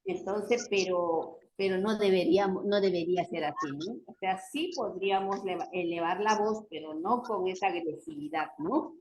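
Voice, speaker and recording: A woman's voice: on the low side, moderate pace, hardly any pauses, darkish tone, slight background noise, poor audio. A woman teacher leading a class discussion, explaining points with rhetorical questions and frequent tag questions. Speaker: university teacher.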